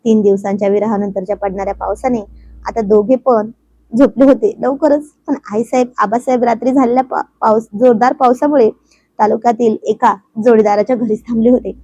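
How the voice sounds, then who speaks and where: Breathy woman reading a romantic story. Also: fairly high pitch, steady tone, a little fast, dark tone, no room sound, lo-fi sound.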